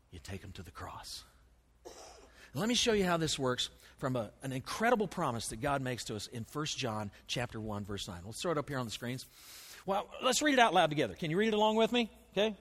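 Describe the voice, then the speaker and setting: A male pastor preaching a sermon, animated, acting out voices and dropping into hushed asides. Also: sits high. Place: church sanctuary. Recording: long reverb of a large hall.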